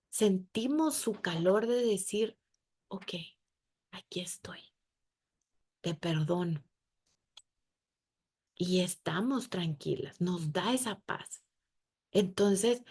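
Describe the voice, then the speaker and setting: An earnest woman speaks to a group of women in a conversational devotional talk. Her voice sits at a middle pitch, and she slips into short acted-out prayers and imagined replies. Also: a little mellow.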